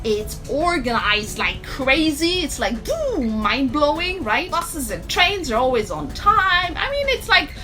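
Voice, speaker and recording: A woman's voice: high-pitched, sing-song, measured pace, hardly any pauses, over music. A middle-aged woman from Switzerland with a Swiss accent, chatting to viewers as she tells stories about her life. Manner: outgoing, chatty, addresses viewers as guys. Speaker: vlogger. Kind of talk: personal storytelling to camera.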